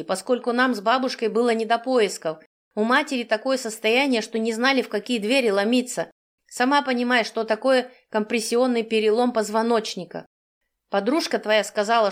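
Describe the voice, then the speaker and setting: A woman reading the part of a sharp-tongued middle-aged aunt who explains things with tired, exasperated sighs. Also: on the high side, fairly even intonation, fairly quick, lightly acted. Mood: weary explaining.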